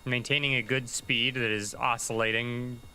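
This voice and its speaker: A man with a very bright, sharp-edged voice talks his way through a game on a livestream, chatty and thinking aloud. He mutters little asides to himself as he plays. A faint hum sits under his voice. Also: mid-range voice, flat delivery, moderate pace, low-quality recording. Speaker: livestreaming gamer. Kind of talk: casual gameplay commentary.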